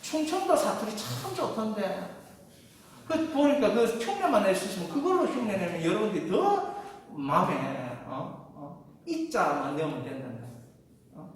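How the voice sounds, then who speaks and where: A woman pastor delivers an animated sermon, and her pitch swings widely from phrase to phrase. The sound is heavily echoey, with a long hall reverb, and it is picked up from far off in a large church sanctuary. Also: normal speed. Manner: animated preaching with call-and-response.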